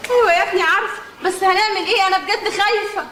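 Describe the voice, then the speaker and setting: A woman's voice: extremely high pitch, racing, pushed and bright, slight background noise. An actress with an Egyptian accent playing an anxious, fretting mother in a stage comedy. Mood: fretful. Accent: Egyptian Arabic. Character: fretful Egyptian mother, worried and rushed. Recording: echoey hall with audience.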